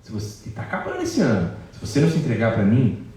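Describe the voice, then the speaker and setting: A man's voice: mid-range voice, huge pitch swings, quick pace, dark tone. A man voicing Ravana, a cruel demon king who threatens his captive. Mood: threatening. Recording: echoey hall from far off.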